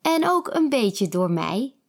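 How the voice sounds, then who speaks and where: A woman's voice: fairly high pitch, very animated, slow pace, creaky, heavily acted. A woman voicing a kind, cheerful green bookworm who helps a girl. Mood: gentle. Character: kind green bookworm, a young girl's friend.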